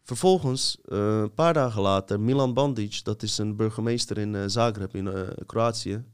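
A man's voice: fairly low pitch, moderate pace, clear, resonant tone. A man leading a casual conversation, talkative and steering the topic. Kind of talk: casual chat.

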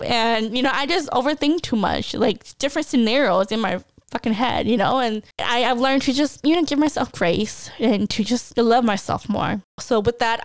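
A woman in her twenties hosts a podcast, chatting casually about personal matters in a fairly high, smooth voice with no echo. She laughs a lot and often restarts her sentences.

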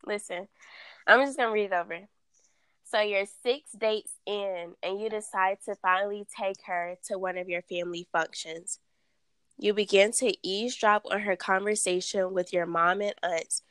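A woman hosting a casual chat, reading dating scenarios aloud at a slow, deliberate pace and laughing often. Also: mid-range voice, fairly even intonation, a bit bright, smooth, no room sound. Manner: reads questions slowly, laughs often.

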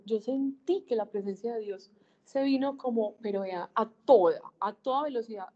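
A woman's voice: on the high side, mellow, muffled recording. A woman, earnestly sharing a faith testimony to a group. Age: 40s. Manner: earnest, emphatic, acts out dialogue. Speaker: speaker giving a faith testimony.

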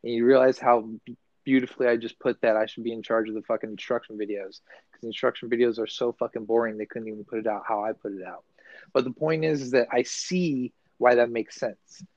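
A man's voice: medium pitch, fairly even intonation, brisk, darkish tone, no echo. A man co-hosting a casual podcast, rambling and swearing freely, often restarting his sentences. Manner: rambling, profane, loose and self-correcting. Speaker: podcast co-host. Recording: dull, dry recording.

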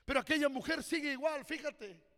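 High-voiced pastor preaching. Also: male voice, fairly quick, pushed and bright. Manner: fervent, exhorting congregation. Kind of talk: sermon. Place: church hall. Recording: reverberant church hall.

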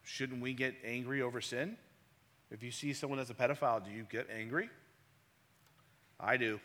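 A man delivers a sermon in a bright, forward voice, talking to his listeners casually and asking them rhetorical questions. His voice rings out with the long reverb of a large hall. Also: mid-range voice, fairly even intonation, moderate pace. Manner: conversational, asks the audience rhetorical questions. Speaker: preacher.

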